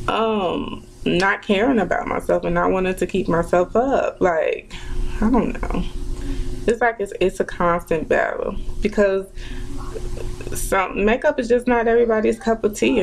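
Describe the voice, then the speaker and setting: A woman's voice: medium pitch, gravelly, a little hiss or hum, rough recording. A woman in her twenties chatting casually while doing her makeup, reflective and full of fillers and restarts. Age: 20s. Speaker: vlogger. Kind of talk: casual chat during a makeup tutorial.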